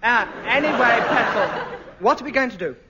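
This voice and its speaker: Camp, jokey comic performer. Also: male voice, extremely high pitch, lively intonation, a little fast, highs cut off. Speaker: comic performer playing a starship captain. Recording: live audience laughter, noisy.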